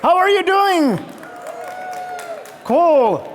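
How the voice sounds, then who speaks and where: Male CEO, fairly high voice, keynote storytelling with audience questions, long hall echo. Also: very animated, very slow, some chatter behind, slight background noise. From Finland. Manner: engaging, quizzes the audience with show-of-hands questions. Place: large festival hall stage.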